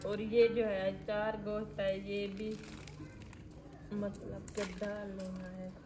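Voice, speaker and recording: With a noisy background, a middle-aged village cooking vlogger from Pakistan talks slowly through a recipe step by step while cooking in an outdoor courtyard with brick walls. She keeps it homely and matter-of-fact with many fillers, her medium-pitched voice showing little pitch movement.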